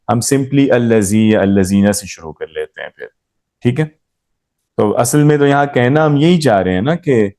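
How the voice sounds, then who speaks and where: A man's voice: medium pitch, warm tone. A man teaching a grammar class, explaining patiently and quizzing his students as he goes. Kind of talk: live class lesson.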